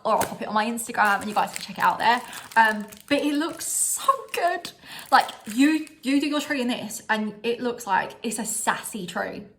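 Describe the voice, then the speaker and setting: Young woman, vlogger, upbeat chatter, laughs at herself, slightly high voice. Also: fairly bright tone, slight background noise. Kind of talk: casual home haul vlog. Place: at home, in front of a styled background.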